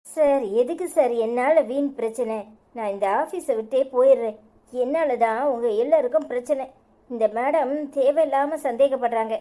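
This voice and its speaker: A woman's voice: high-pitched, normal speed, warm tone, lightly acted. A woman voicing a sulky, self-pitying young office worker in a cartoon, with a Tirunelveli Tamil accent and a plaintive way of talking.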